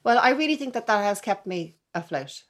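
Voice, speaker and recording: A woman's voice: medium pitch, lively intonation, brisk. A middle-aged woman, a violinist guest talking earnestly and reflectively in an interview, sometimes dropping to a near-whisper. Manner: earnest, wondering, trails into soft near-whispers.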